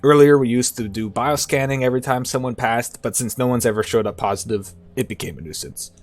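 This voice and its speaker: A man voicing a brisk video game gatekeeper, matter-of-fact and instructing, with dry humour. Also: medium pitch, close to an everyday voice. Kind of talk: video game dialogue read aloud.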